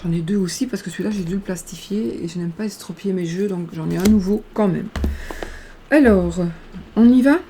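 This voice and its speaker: A woman with a dark, mellow, gravelly voice walks through fortune cards, reading their little verses aloud. She hesitates often and trips over her words. There's a faint hiss behind her. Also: medium pitch, fairly quick. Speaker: card reader. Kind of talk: casual card-reading tutorial.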